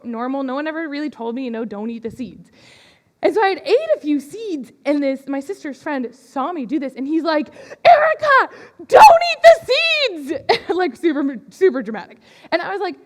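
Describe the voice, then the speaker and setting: A young woman giving a youth ministry talk, telling a personal story in a chatty, animated way. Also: high voice. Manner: chatty, animated, laughs often. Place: church hall. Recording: reverberant hall.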